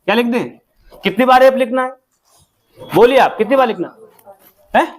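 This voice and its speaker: High-voiced man teaching maths. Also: normal speed. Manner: asks pupils constant questions, then answers them himself. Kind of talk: classroom maths lesson.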